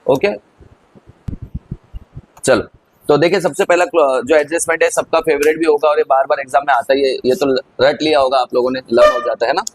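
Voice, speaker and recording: Quick-talking man teaching a lesson. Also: a little high, steady tone, a little hiss or hum, rough recording. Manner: chatty, addresses students as kids. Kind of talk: accountancy lesson. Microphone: recorded over on-screen writing.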